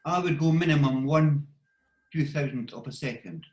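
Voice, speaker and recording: A man's voice: a little high, moderate pace, a little mellow. Scottish male guest, plain-spoken practical advice, echoey video-call sound. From Scotland. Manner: practical, step-by-step advice with short instructions. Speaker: wildlife photographer guest. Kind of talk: casual explanatory interview talk.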